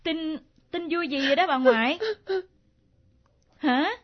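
A woman's voice: high voice, takes it slowly, lo-fi sound. A woman voicing a tearful young daughter in a radio drama. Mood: puzzled. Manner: tearful, pleading.

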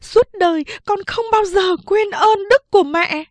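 A woman's voice: very high-pitched, fairly even intonation, normal speed, no room sound, pitched above the performer's own voice. A woman voicing a desperate young woman who tearfully begs her mother in an audiobook. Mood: tearful pleading. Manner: tearful, pleading.

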